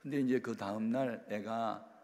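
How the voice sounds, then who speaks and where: Brief: male pastor, animated sermon storyteller, gravelly voice, long church reverb. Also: fairly low pitch, moderate pace. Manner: animated, acts out the people in his story.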